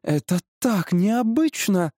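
A fussy, excitable middle-aged mother, quick to fret and to gush over a new idea, as a male storyteller voices her. The voice is raised well above his own and swings a lot. It is close and dry. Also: high voice, no echo, pitched above the performer's own voice. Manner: fussy, gushing.

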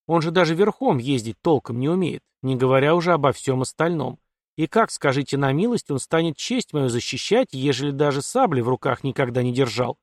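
A man's voice: mid-range voice, lively intonation, no echo, clean studio sound, close to an everyday voice. A man doing a headstrong young noblewoman. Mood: defiant. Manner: stubborn, quick-witted retorts.

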